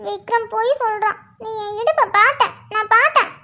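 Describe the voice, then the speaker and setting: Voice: very high-pitched, moderate pace, pushed and bright, full character voice. A performer voicing a clingy, tipsy young wife in a cartoon, pleading and whiny, speaking speech. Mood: teasing. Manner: pleading, childish, teasing.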